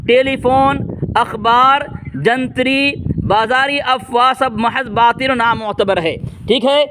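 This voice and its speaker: A man's voice: extremely high pitch, fairly bright tone. A man in a heated religious debate who repeats himself, talks over his opponent and reads out book references.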